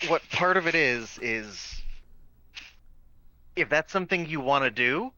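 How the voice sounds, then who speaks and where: A man and game master who teaches high school, chatting casually about his tabletop game and often repeating words as he explains. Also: expressive, unhurried, sharp tone, dull audio.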